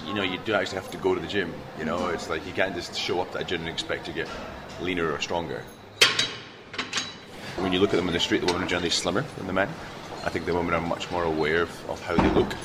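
A man's voice: low voice, steady tone, quick pace, very noisy. A man who works as a personal trainer, talking about his job in a chatty, plainspoken way with some ums. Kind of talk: interview answers.

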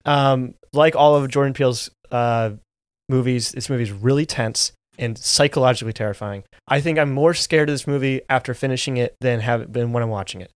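A man co-hosts a movie review podcast, talking with enthusiasm and plenty of ums and restarts. His voice is mid-pitched for a man. The recording is dry and close. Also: brisk, smooth, dry recording. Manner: enthusiastic, many fillers, restarts. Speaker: podcast co-host. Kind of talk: casual movie review chat.

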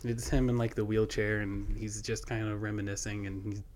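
A man's voice: lowish voice, level tone, moderate pace, darkish tone, a little hiss or hum. A young man hosting a podcast in casual chat, rambling with lots of fillers and laughing often. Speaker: podcast host.

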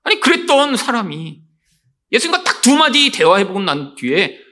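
A middle-aged man preaching a sermon as pastor, animated and often addressing the congregation directly. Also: very high-pitched, moderate pace.

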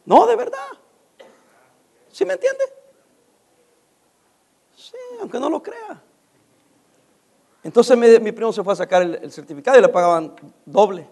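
A man's voice: very high-pitched, unhurried, creaky, pauses often. A middle-aged man with a Mexican accent telling a casual work anecdote, acting out the dialogue and laughing as he goes. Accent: Mexican Spanish. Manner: animated, acts out dialogue, laughs while telling. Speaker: storyteller.

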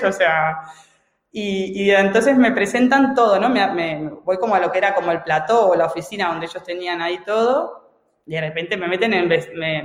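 A man from Spain, a guest in an interview, telling a story in an animated way with many restarts and fillers. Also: sits high, echoey room, big-room sound.

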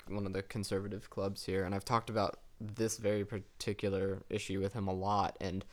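A man's voice: sits low, level tone, brisk. A man on a student panel, laying out his argument point by point. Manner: methodical, lists points. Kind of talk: casual discussion.

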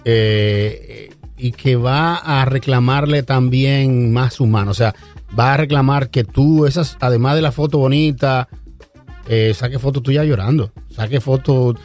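Brief: male interviewer, middle pitch, halting delivery, faint music behind. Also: darkish tone. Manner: hesitant, repeats words while searching. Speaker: interviewer, former campaigner. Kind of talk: candid conversational interview.

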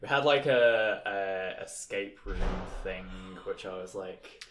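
Co-hosting a casual podcast, a young man talks slowly in a fairly low voice, rambling with lots of fillers and restarts. The room is echoey and the background noisy.

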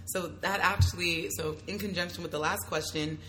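A young adult woman, a travel content creator, talking casually as an interview guest, lively, slangy and quick to laugh. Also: fairly low pitch, a little hiss or hum. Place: at a travel festival.

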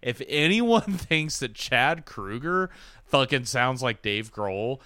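A man holds forth on a podcast in a bright, cutting voice that swings widely in pitch. His talk is profane and heated, a running rant in casual chat. The sound is dry and close to the mic. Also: very animated, slow, no echo. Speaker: podcast co-host.

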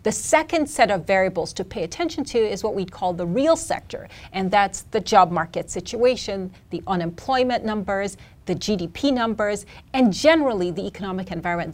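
A woman researcher giving measured, explanatory answers in an interview about charitable giving. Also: medium pitch, darkish tone. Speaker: philanthropy researcher.

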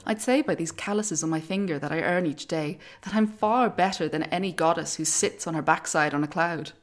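A woman's voice: on the low side, fairly quick, close to an everyday voice. A woman with an Irish accent voicing a proud, defiant young weaver who speaks scornfully with a raised voice.

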